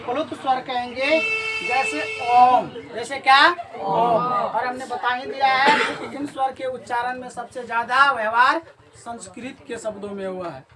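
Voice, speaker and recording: A woman gives a classroom grammar lesson in a high, bright-sounding voice. She keeps quizzing her pupils and echoes their answers back. The recording picks her up from across the room, with the class audible around her. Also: steady tone, moderate pace, a crowd in the background. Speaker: Hindi grammar teacher. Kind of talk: classroom lecture. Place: classroom with students. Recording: distant mic, class of students audible.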